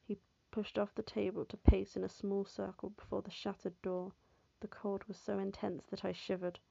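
Woman reading an audiobook, gravelly low-key voice, kinda flat, dull dry recording. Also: moderate pace, no echo. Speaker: audiobook narrator. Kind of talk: scripted first-person narration.

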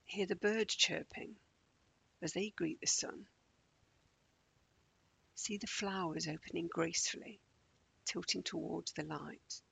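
A man leading a guided morning meditation in a slow, gentle, calming way, often dropping close to a whisper. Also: sits high, vocal fry, breathy edge, no room sound, low-quality recording.

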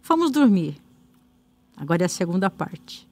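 A woman's voice: lowish voice, sing-song, normal speed, darkish tone, no room sound. A woman with a Brazilian Portuguese accent, a guest singer telling her personal faith testimony in an earnest way, acting out the dialogue. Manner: storytelling with quoted dialogue, earnest.

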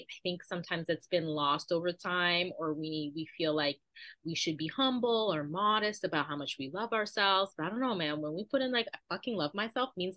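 Woman, podcast host, lowish voice, reflective, casual interview chat, dry close sound. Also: bright, forceful tone, no echo. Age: adult with children.

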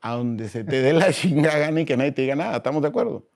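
Slangy Mexican man with a mellow voice. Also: on the high side, fast, gravelly. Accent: Mexican Spanish. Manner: slangy, animated storyteller, acts out voices. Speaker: guest. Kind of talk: casual interview chat.

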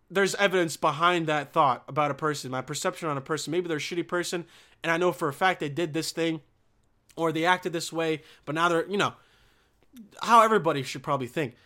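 Pushed and bright, a slightly high male voice carries a loose, rambling monologue from a young man from Bosnia. He curses frequently, talks in slang and keeps starting his sentences over.

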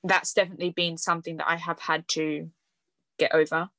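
A woman's voice: sits low, little pitch movement, fairly quick, a bit bright, dry recording. A young woman hosting a podcast, chatting casually with frequent fillers and light laughs. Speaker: podcast host. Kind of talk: casual conversational podcast chat.

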